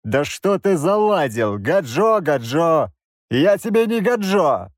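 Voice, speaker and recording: Brief: narrator as a raging monster-man hero, loud snarls, big leaps in pitch, dry audiobook. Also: very animated, slow, no echo. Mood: furious. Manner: shouting, snarling. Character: irritable nonhuman male hero with six arms.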